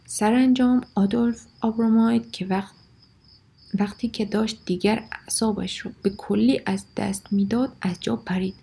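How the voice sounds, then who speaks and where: A woman reads a storybook aloud in a dark, gravelly voice with a husky edge. She turns expressive, sinking to whispers and lifting her voice for the shouted lines. Crickets chirp faintly behind her. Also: fairly high pitch.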